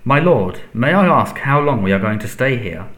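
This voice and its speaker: A man voicing a nervous, servile, cowardly henchman in a storybook, stammering and pleading in a squeaky voice. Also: sing-song, moderate pace, fairly bright tone, echoey room. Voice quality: squeaky when agitated.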